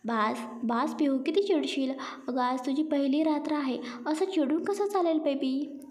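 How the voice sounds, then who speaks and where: A woman's voice: sits high, moderate pace, a little mellow, lightly acted. A woman voicing a playful young woman who teases her newly married friend. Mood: teasing. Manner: teasing, cheeky.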